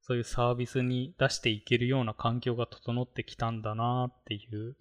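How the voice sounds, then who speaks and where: A man's voice: mid-range voice, little pitch movement, fairly quick. A man chatting casually about tech on a podcast, rambling with many fillers. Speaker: podcast co-host.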